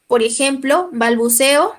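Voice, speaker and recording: Mexican woman teacher lecturing, high voice, keeps checking the class is following. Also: a little slow. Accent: Mexican Spanish. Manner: checks in with listeners often, clears her throat.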